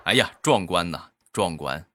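A man telling a comic joke monologue in a lively way, with drawn-out particles on his punchlines. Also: low voice, over loud music. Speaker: comic storyteller.

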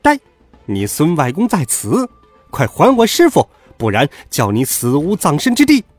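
A man voicing a brash, fiery male monkey king who shouts his commands loudly in a storybook reading. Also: on the high side, wildly swooping pitch, normal speed, husky, no room sound, faint music behind, full character voice. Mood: shouting angrily.

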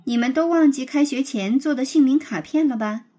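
A woman voicing a gentle female teacher who speaks calmly and without hurry. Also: high voice. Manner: unhurried, kindly. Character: gentle, calm female schoolteacher.

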